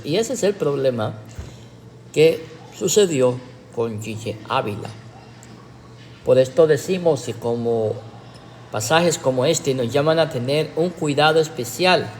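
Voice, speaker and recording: A man's voice: on the high side, darkish tone, in a large hall, slight background noise. A man, a pastor, preaching a livestreamed teaching sermon in a sarcastic way, with emphatic rhetorical questions.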